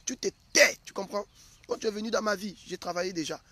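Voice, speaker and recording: A preacher voicing a proud, quarrelsome wife who scorns her husband, in a shrill falsetto and an indignant manner. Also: steady tone, fast. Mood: defiant, scornful.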